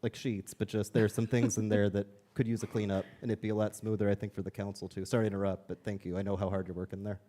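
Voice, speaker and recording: A man serving as mayor, giving remarks at a city council meeting in a quick, earnest way. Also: fairly low pitch, little pitch movement, mellow.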